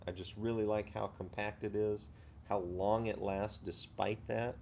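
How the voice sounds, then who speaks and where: Low-voiced man chatting casually on a livestream. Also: fairly even intonation, measured pace, creaky, a little mellow, a little hiss or hum. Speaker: host of a pipe-smoking live chat.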